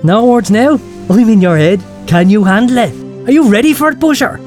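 A man's voice: high-pitched, expressive, normal speed, over music. A male actor playing a dozy, paranoid hippie stoner in a comic cartoon, rambling and easily confused in an Irish accent. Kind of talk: comic dialogue acting.

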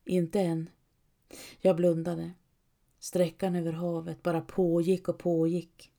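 A woman narrating a story in the first person, in a measured, intimate storytelling manner. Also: fairly low pitch, monotone, gravelly, warm tone. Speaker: audiobook narrator.

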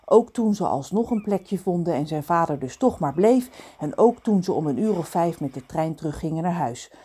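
A woman narrating a children's story aloud in an expressive, lively reading style. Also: lowish voice, normal speed, slightly rough. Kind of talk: audiobook storytelling.

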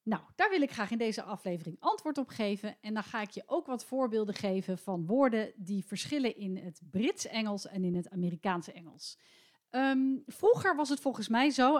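A woman in her forties from the Netherlands hosts her own podcast as a teacher trainer. She talks in a chatty, opinionated way and often stops to hesitate mid-thought. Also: medium pitch. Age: 40s. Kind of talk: solo podcast talk.

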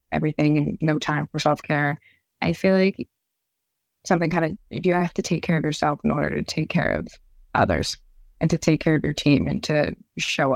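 Podcast woman, reflective talker with a gravelly, fry-laden voice. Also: low voice, no echo, clean studio sound. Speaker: podcast co-host. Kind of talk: casual chat.

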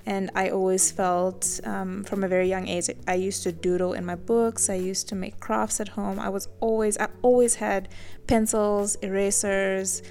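A woman's voice: mid-range voice, little pitch movement, moderate pace, a little mellow, soft background music. A young woman from Zambia, a guest artist, telling her story in a friendly, chatty way in a casual podcast interview.

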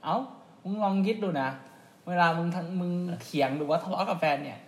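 A man co-hosting a podcast in casual chat, relaxed and joking, with frequent hesitations. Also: high-pitched, brisk, creaky, echoey room. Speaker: podcast co-host.

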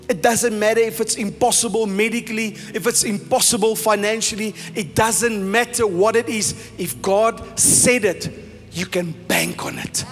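South African man preaching, high voice. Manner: emphatic preaching, mixing in Afrikaans phrases. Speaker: pastor. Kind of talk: sermon. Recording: reverberant hall with soft music.

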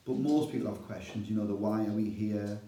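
A middle-aged Northern English man with a low, dark voice tells his life story as an interview guest. He is chatty and self-deprecating. The room around him is echoey. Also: steady tone, brisk. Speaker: church elder, interview guest.

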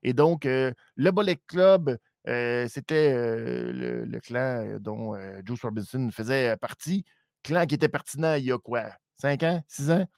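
A man with a Quebec French accent recapping a wrestling show in casual live-stream commentary, animated and mock-dramatic, with frequent hesitations. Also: mid-range voice, unhurried, vocal fry, no echo, studio quality.

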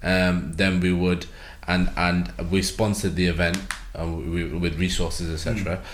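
Deep-voiced man, roomy echo. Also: flat delivery, unhurried, a little hiss or hum. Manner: rambling, many fillers and restarts. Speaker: podcast guest from an event organisation. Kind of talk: casual podcast conversation.

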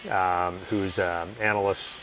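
A man with a slightly low voice talks in an interview with confident, emphatic delivery, hammering his points home through repetition. A faint hiss runs under the recording. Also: level tone, a little slow, fairly bright tone, poor audio. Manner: confident, emphatic, repeats key phrases. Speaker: author and guest. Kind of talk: conversational interview.

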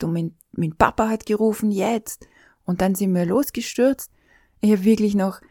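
Middle-aged austrian woman telling her own story, lowish mellow voice, drops to a whisper a lot, dry close sound. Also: no room sound. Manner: intimate, often sinking to a whisper. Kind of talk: emotional personal account.

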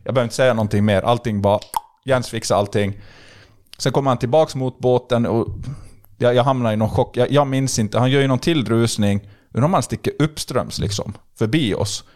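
A young man telling a story in a casual podcast chat, animated and full of fillers and restarts. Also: mid-range voice. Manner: animated, acts out dialogue, lots of fillers and restarts. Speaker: podcast guest.

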